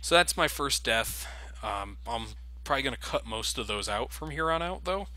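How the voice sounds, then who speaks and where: His voice is mid-range, animated, pushed and bright, at normal speed. He's a video game commentator doing casual let's play commentary full of sarcasm, self-mockery and free swearing, over background game combat with gunfire and vehicles.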